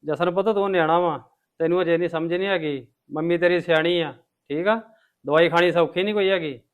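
Fast, smooth-voiced lecturing man. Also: fairly high pitch, narrow, tinny audio. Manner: lecturing and reassuring. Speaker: brother and uncle giving advice. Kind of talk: Punjabi family web drama acting.

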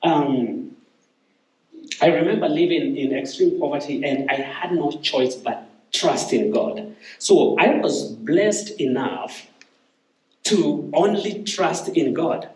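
A man's voice: on the high side, expressive, slow pace. A man, giving an earnest testimony sermon from a church stage, often repeating words as he restarts. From Kenya. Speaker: guest speaker. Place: church stage, large room. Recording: roomy church hall, somewhat distant.

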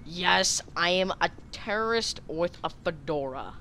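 Female gamer, playful casual banter, lively swooping delivery. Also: fairly low pitch, measured pace, slight background noise. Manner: giggly and playful. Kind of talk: casual chat while playing a game.

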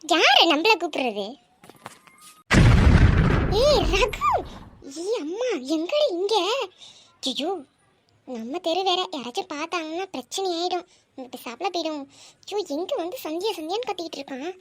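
A jittery young cartoon girl, voiced by a woman in a squeaky, very high register. She mutters to herself in hushed, fretful tones, always ready to bolt from trouble. The scene plays as a cartoon. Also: sing-song, extremely slow, pauses often, no room sound, full character voice. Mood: alarmed. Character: anxious young woman sneaking away from trouble. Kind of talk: cartoon voice acting.

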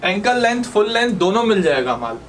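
A man, a shop owner showing his stock in a matter-of-fact casual sales pitch. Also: sing-song, fairly quick, a little hiss or hum. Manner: matter-of-fact, listing items in short phrases.

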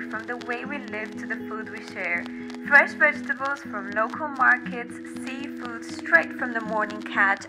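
Woman from Bulgaria, scripted voice-over, fairly high pitch, music under it. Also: rough recording. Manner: smooth, wistful voice-over. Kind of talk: scripted narration.

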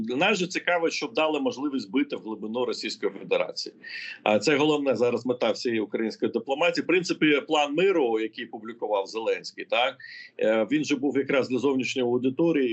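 A man's voice: mid-range voice, lively intonation, fast talker. A man working as a political analyst, answering interview questions in an explanatory way, thinking aloud as he goes. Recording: muffled lo-fi audio.

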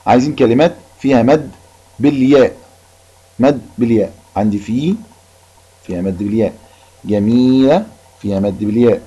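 A man with an Egyptian accent teaching an Arabic lesson, reading a passage and explaining it in colloquial speech, repeating each point slowly. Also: mid-range voice, steady tone, warm tone, slightly rough. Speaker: primary school Arabic teacher. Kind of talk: recorded classroom lesson. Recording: dull lo-fi recording.

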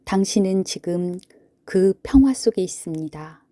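A woman gently narrating a sleep meditation in a soothing, hushed manner, with long pauses between phrases. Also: lowish voice, animated, no echo. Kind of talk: sleep story narration, guided Buddhist relaxation.

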